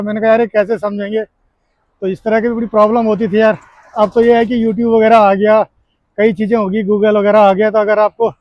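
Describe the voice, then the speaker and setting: A man's voice: sits high, no echo, lo-fi sound. A man from India telling a casual story to his viewers, chatty and laughing as he talks. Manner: chatty, laughing, addresses friends often. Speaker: vlogger. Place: Japan.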